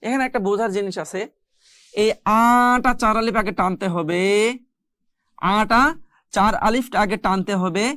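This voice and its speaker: A recitation teacher gives a step-by-step lesson, pausing to demonstrate by chanting long, held-out syllables. The voice is smooth and resonant, recorded close in a dry space with no room sound. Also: medium pitch, a bit bright, no room sound. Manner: explains rules slowly, then chants drawn-out Arabic syllables.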